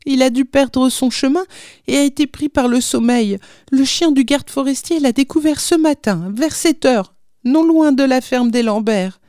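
A woman voicing an anxious young mother, speaking in a high, agitated, exclaiming way. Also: mellow, dry recording, clean studio sound.

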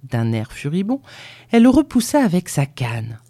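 A woman reading a novel aloud as a narrator, in an unhurried and expressive storytelling manner. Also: deep voice, no echo, studio quality. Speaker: audiobook reader.

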